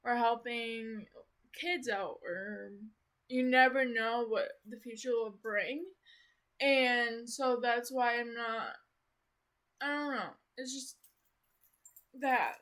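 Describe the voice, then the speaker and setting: A woman talking through a casual vlog in a slow, unhurried way, her voice sitting a little high. It has a bright, forceful edge, and she rambles along, leaning on "like" and restarting her sentences. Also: steady tone. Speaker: vlogger.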